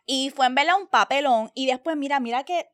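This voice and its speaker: Woman, Puerto Rican accent, lively storyteller, mixes in English, high voice, dry sound. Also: a little fast, no echo. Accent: Puerto Rican Spanish. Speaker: podcast co-host. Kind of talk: casual chat.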